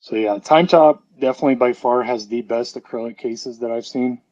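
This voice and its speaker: A man of middle pitch rambles through a live stream, trailing off into fillers and correcting himself as he goes. His voice comes through a headphone mic, so it sounds hollow, dull and muffled, as if he were talking through a tube. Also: a little fast, a little mellow. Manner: rambling, chatty, with many fillers and self-corrections. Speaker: streamer showing a die-cast model car collection. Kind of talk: casual live-stream chat.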